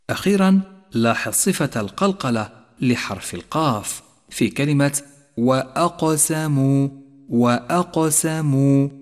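A man teaching Quran recitation rules, explaining calmly and chanting the examples slowly. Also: mid-range voice. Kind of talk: tajweed lesson with slow recited examples. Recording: long reverb.

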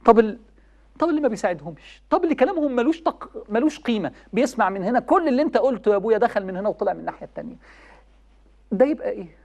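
Lively fast-talking Egyptian woman preacher. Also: dull audio. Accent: Egyptian Arabic. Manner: passionate, rising to high exclamations, acts out quoted voices. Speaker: religious speaker. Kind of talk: Ramadan sermon talk.

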